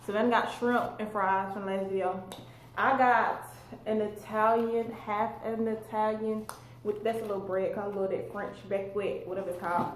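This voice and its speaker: A woman's voice: medium pitch, fairly even intonation, normal speed. Chatty laid-back woman in echoey room. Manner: chatty, laid-back, talks to viewers as y'all. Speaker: vlogger and host. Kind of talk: casual mukbang chat. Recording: echoey room with faint noise.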